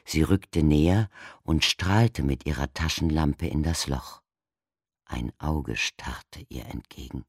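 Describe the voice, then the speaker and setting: A man reading a thriller audiobook in a measured, dramatic narration. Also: extremely low pitch, slightly rough, no room sound, clean studio sound. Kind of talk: scripted narration.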